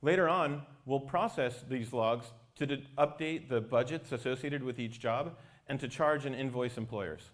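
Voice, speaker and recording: A man's voice: medium pitch, normal speed. A man giving an explanatory technical talk as a company presenter.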